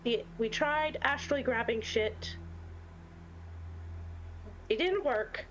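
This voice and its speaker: A woman's voice: fairly high pitch, slow pace, highs cut off, a little hiss or hum. A woman playing in a tabletop game, talking casually and laughing often. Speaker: player. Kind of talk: tabletop roleplay chat.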